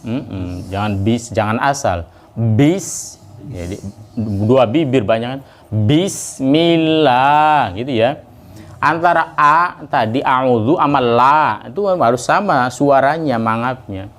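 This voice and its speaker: A man teaching Quran recitation to a class, speaking casually between verses and drawing the recited words out slowly. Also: medium pitch, fairly bright tone. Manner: casual explanations in between, calls the class to repeat.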